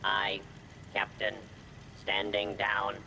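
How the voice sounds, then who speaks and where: An actor voicing a calm male robot sailor on patrol, with a robotic machine voice and clipped, flat status reports like a ship computer. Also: on the low side, slow pace, gravelly, noisy background. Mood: calm, mechanical.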